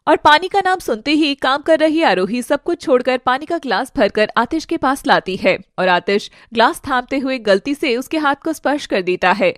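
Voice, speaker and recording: A woman's voice: high voice, expressive, moderate pace, few pauses, no echo, studio quality. A woman narrating a dramatic family story expressively.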